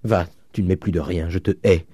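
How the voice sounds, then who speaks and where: A man voicing a proud, bitter countess who breaks into rising, shrill outbursts. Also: steady tone, brisk, mellow, no echo, clean studio sound. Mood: furious.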